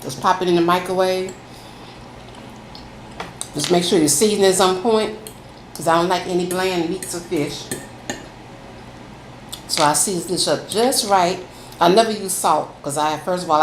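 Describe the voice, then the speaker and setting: A woman food vlogger chatting casually to viewers over a meal in a folksy way, saying y'all. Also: lowish voice. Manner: folksy, addresses listeners as y'all. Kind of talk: casual chatty mukbang, talking to viewers while eating. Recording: echoey room, faint background noise.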